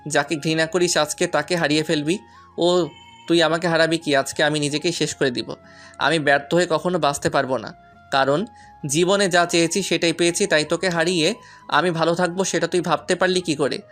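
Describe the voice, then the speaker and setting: A man's voice: on the high side, steady tone, fairly quick, fairly bright tone, faint music behind, lightly acted. A man playing a desperate lovesick young man. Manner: pleading, anguished. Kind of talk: audio story acting.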